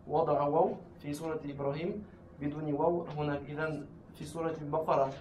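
A male student joining a class discussion, offering an example with pauses and self-corrections. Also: fairly high pitch, steady tone. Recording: echoey room with clear background noise.

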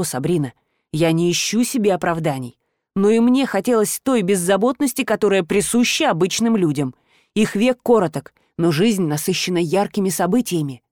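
A woman reading an audiobook, voicing a weary, regretful ancient male god who speaks in a measured, low, tired way. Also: darkish tone, no room sound, clean studio sound, lightly acted.

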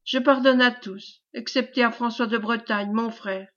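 Brief: woman voicing a dying captive nobleman, grave and unforgiving, hushed, slow, higher voice, muffled audiobook recording. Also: steady tone, natural voice. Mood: bitter. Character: dying imprisoned young nobleman, bitter, unforgiving. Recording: dull lo-fi recording.

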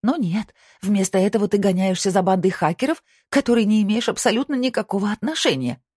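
A furious older wife, shrill and loud, hammering at her husband with reproach, as the narrator pushes her voice high. The husky tone sounds close in a dry recording. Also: animated, fast talker, dry recording. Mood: scolding. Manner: shrill, scolding.

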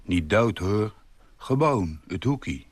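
A man voicing a jolly, joking building porter in a low, husky voice. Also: expressive, takes it slowly, no room sound, exaggerated voice. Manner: joking, breezy.

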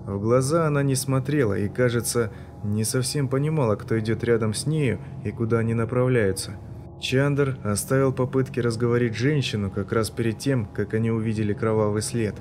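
Male narrator for sci-fi audiobook; steady, even read, medium pitch. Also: brisk, background noise. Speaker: audiobook reader. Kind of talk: scripted narration.

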